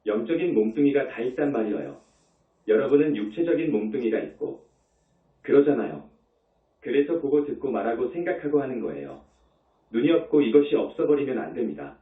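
A male monk gives a dharma talk with a lively, rising and falling voice, pressing his points home through repetition and rhetorical questions. He sounds tinny and phone-like. He is heard from a distance in an echoing space. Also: mid-range voice. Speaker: Buddhist monk.

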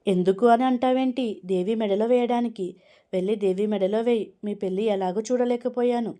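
An insistent middle-aged mother-in-law who coaxes and presses her point, read aloud by a woman. The tone is mellow and warm, and it is the voice of a storybook reading. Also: medium pitch, steady tone, moderate pace, natural voice. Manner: coaxing and pushy.

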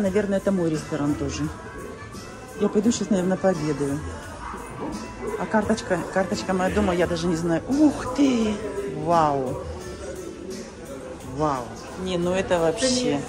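An older woman vlogging on a handheld camera as she walks through a large indoor ship atrium and shopping halls, exclaiming excitedly at everything she sees. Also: lowish voice. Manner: excited, gushing, exclaims often. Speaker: vlogger touring a cruise ship. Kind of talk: casual walking vlog narration. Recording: busy public space with music and crowd. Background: music and crowd chatter.

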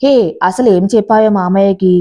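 A woman's voice: medium pitch, fairly quick, mellow, close to an everyday voice. A woman voicing an upset middle-aged mother who anxiously scolds her daughter.

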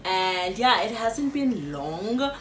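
A woman's voice: mid-range voice, sing-song, takes it slowly, reverberant. A South African woman in her late twenties, chatting casually to viewers in a Q&A vlog with lots of fillers, filmed on a phone on a sofa. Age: late 20s. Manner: chatty, warm-hearted address to viewers, frequent fillers. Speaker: YouTuber. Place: indoors on a sofa in a small room. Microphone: phone camera.

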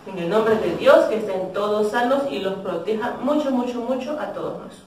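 A woman teacher giving a children's math lesson and telling a story, in a slow, sing-song way meant for little kids, heard in an echoey room from a distance. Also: mid-range voice, darkish tone, slight background noise.

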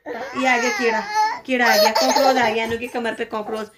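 High-voiced woman vlogging over loud noise. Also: level tone, moderate pace. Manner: chatty, explains the scene to the viewer. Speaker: family vlogger, mother. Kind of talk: casual vlog narration at home. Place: at home indoors. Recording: very noisy home phone recording.

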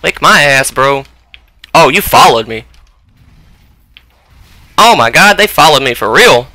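Young male gamer, slow swearing drawl with wild pitch swings, dry close mic. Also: lively intonation, bright, forceful tone, no echo. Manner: profane, frustrated outbursts at the game. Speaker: gaming video creator. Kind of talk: gameplay commentary.

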